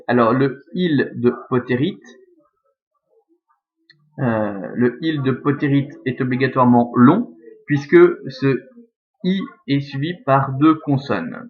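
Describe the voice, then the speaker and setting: A man's voice: mid-range voice, animated, slow, narrow, tinny audio. A man teaching a lesson, methodically walking through the scansion of a verse step by step. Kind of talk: scanning Latin verse in a recorded lesson.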